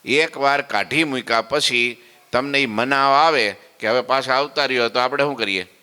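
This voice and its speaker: A man's voice: medium pitch, moderate pace, sharp tone, clean tone, big-room sound. A man telling a devotional story as a preacher, acting out the characters and asking listeners questions. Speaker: katha preacher.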